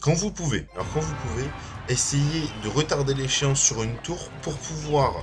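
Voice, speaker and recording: With music in the background, a gaming streamer and video creator offers casual, somewhat hesitant commentary on his gameplay, animated, at normal speed. His mid-range voice carries a slight slushy lisp on the s.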